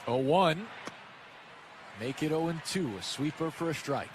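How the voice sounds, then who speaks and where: This is live radio baseball commentary from an American man in a stadium broadcast booth, his voice a little high and his delivery a little slow, set against clear ballpark ambience.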